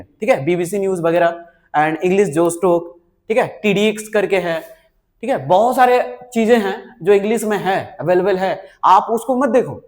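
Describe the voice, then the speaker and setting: High-voiced man teaching spoken English. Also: a little mellow. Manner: repeats "ठीक है?" and "right?" to check on learners; mixes Hindi with English words.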